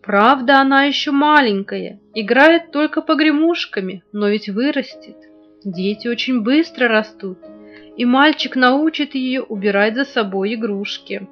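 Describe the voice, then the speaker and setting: A woman's voice: on the high side, measured pace, lightly acted. A woman voicing a chatty female toy book in a storybook reading, telling tales eagerly, on a dull lo-fi recording with faint guitar. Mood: reassuring. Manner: gossipy, telling.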